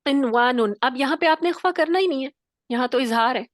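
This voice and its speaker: A fairly high-voiced woman teaches Quran recitation in an online class, explaining each point patiently and checking in often. Her voice sits close and dry on the mic, with no room sound. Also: brisk, no echo.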